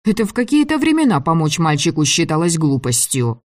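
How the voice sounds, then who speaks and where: A man voicing a stubborn, quick-tempered young woman who studies magic, in an audiobook read with a dry sound. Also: fairly high pitch, huge pitch swings, no room sound. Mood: defiant.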